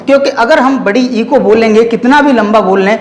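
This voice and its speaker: A man's voice: very high voice, fairly quick, long reverb tail. A man teaching a Hindi grammar lesson to exam students, explaining step by step, stretching out vowel sounds and putting questions to the class.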